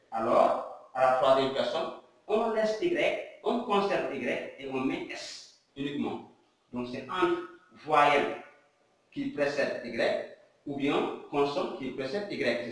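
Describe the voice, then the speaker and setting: A man from Senegal, an English teacher, explaining grammar slowly and repeating himself, checking in with rhetorical questions. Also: medium pitch. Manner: slow, repetitive, rhetorical questions. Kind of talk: classroom grammar lesson. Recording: echoey room, mic at a distance.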